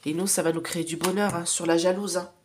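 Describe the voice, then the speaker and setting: A woman's voice: fairly low pitch, fairly even intonation, fast, darkish tone, slight background noise. A woman with a nasal voice giving a casual oracle card reading to viewers, rambling with many fillers and asides, sometimes dropping to a whisper. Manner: rambling, many fillers and tag questions, drops to whispers while drawing cards. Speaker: psychic card reader.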